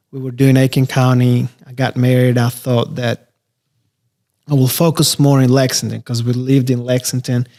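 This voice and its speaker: A man, a real estate investor talking casually as a podcast guest, relaxed and rambling with many fillers. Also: medium pitch. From Albania. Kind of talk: casual interview conversation.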